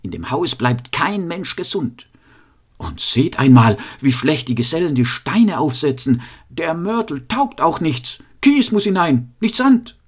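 A man voicing a cantankerous, fault-finding master shoemaker, scolding in a high nagging tone in a fairy tale reading. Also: big pitch swings, normal speed, fairly bright tone.

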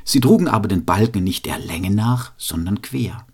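A man narrating a fairy tale in an expressive storytelling reading. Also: lowish voice, moderate pace, breathy edge.

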